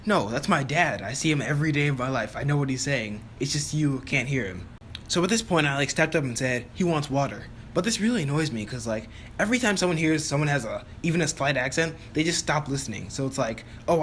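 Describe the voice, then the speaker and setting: Young man, story-time vlog voice-over, slightly high-pitched, chatty, exasperated, full of "like", home recording. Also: a bit bright, a little hiss or hum. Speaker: YouTuber telling a story.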